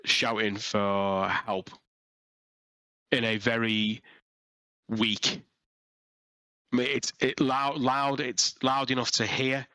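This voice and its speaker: Bright, crisp man as game master. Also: medium pitch, little pitch movement, no room sound. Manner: halting narration with many fillers and restarts. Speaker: dungeon master. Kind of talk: narrating a tabletop game over voice chat. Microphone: headset.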